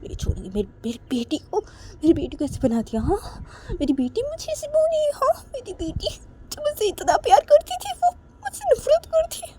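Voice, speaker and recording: A woman voicing a grieving middle-aged mother who sobs, turns shrill and drops into whispers while vowing revenge. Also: measured pace, long pauses, warm tone, a little hiss or hum, natural voice. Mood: weeping, vengeful.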